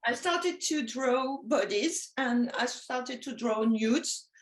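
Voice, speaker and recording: A woman from France with a French accent, speaking English as a guest in a casual interview, talking slowly with many pauses and soft laughs. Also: fairly high pitch, lively intonation. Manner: slow, halting, many ums, soft laughs. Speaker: guest artist. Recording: echoey room.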